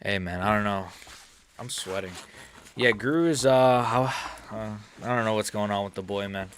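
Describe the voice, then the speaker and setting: Streaming live, this MMA YouTuber from the US, in his early twenties, rambles casually through chat questions, laughing and using lots of fillers. He speaks at an easy, moderate pace in a lowish voice, with a little hiss or hum in the background.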